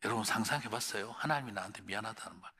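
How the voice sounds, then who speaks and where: A male pastor preaching an evening sermon, swinging from hushed whispers to loud outbursts. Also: fairly low pitch, very fast, husky. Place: large church or conference hall. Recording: reverberant large hall.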